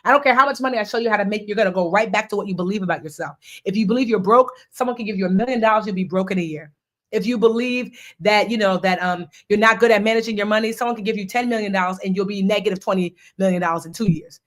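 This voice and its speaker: A woman's voice: mid-range voice, fast talker, a bit bright. A woman in her forties hosting a live session, talking casually and animatedly, telling stories and acting out quoted voices. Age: 40s. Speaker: host. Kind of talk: casual live coaching talk.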